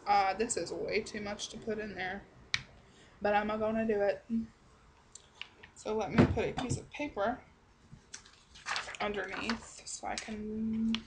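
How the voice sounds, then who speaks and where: A woman's voice: medium pitch, fairly even intonation, unhurried, pauses often, very noisy. A young woman giving a casual, chatty review to camera, rambling along in a blunt, salty-tongued way. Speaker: product reviewer.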